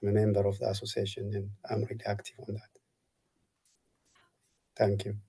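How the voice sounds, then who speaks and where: A man from Ethiopia, giving an earnest, halting self-introduction on a video call. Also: on the low side, completely flat delivery, creaky, mellow, slightly rough. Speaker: workshop participant.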